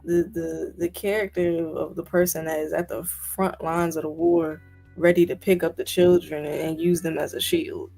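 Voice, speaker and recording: A woman's voice: low voice, flat delivery, moderate pace, creaky, mellow, soft background music. A woman co-hosting a podcast discussion, talking emphatically and firing off incredulous rhetorical questions. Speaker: podcast co-host. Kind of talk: casual discussion.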